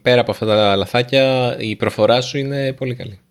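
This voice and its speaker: A man hosting a casual podcast conversation, curious and quick with follow-up questions. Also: medium pitch. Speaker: podcast host.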